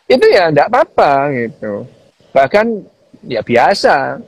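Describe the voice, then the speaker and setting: Animated man, lively pitch. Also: takes it slowly, no echo, poor audio. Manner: animated, mixing Javanese phrases, repeats "gitu". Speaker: neuroscientist guest on a live chat. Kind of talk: casual livestream chat.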